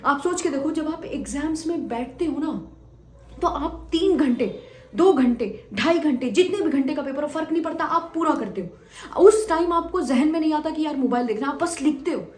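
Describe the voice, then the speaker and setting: Speaking at normal speed in an echoey room, a young teacher with a high, slightly mellow voice offers her students exam tips. She motivates them through a story she acts out between two students, repeating phrases to stress them.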